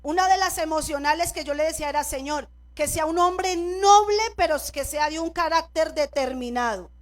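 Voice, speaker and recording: A middle-aged woman pastor preaches with a Colombian accent. Her voice sits very high, and she talks to the congregation directly, drawing them in with calls for agreement and repeated amens between personal stories. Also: normal speed. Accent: Colombian Spanish. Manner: personal storytelling, congregation prompts with "amén" and "¿cierto?". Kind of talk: sermon. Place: church.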